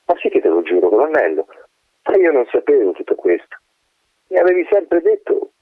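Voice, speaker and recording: Guy doing the wind spirit, old loyal male wind, pitched way up, pleading and soft, tinny radio sound. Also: sing-song, brisk, breathy edge, dry recording. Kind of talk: radio drama reading.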